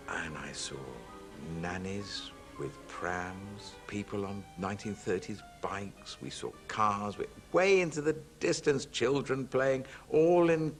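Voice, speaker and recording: A man, an actor, telling animated stories about his work in a reflective documentary interview. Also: on the low side. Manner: animated, anecdotal storytelling.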